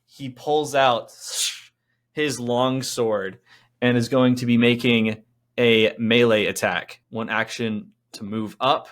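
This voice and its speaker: A man running a tabletop game as game master, narrating the action and explaining the rules in a steady, descriptive way. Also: medium pitch, takes it slowly.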